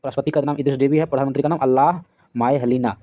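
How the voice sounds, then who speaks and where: A man teaching an exam-prep lesson, quizzing listeners with repeated questions and slowing down to spell out names. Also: mid-range voice, steady tone, dark tone, dry recording. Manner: drills facts with repeated quiz questions. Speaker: current affairs teacher.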